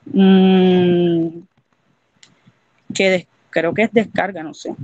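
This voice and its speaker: Slow, hesitant student on a muffled call. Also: mid-range voice, little pitch movement, a little mellow, no room sound. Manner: hesitant, searching for words.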